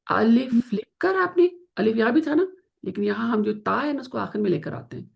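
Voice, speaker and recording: A woman teaching Quranic Arabic grammar in an online class, explaining in Urdu mixed with English and slowly drawing out the Arabic example words. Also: a little high, lively intonation, vocal fry. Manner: slow drawn-out pronunciation of Arabic example words, asks students to confirm.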